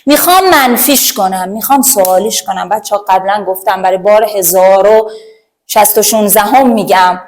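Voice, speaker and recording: A medium-pitched female voice teaches English grammar, keeping things playful and conversational. She gives the verbs voices and practices word pairs slowly.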